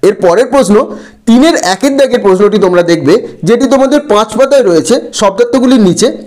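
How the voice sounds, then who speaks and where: High-voiced, lively teacher. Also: male voice. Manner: slow, deliberate, spells out words syllable by syllable. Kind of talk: textbook answer walkthrough.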